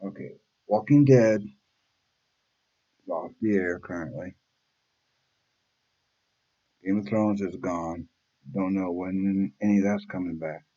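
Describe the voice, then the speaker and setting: A man's voice: sits low, slow, pauses often, dark tone, dull audio. A man in his fifties hosting a reaction channel, talking bluntly and rambling in a casual monologue, swearing freely. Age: 50s. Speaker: YouTube reaction channel host.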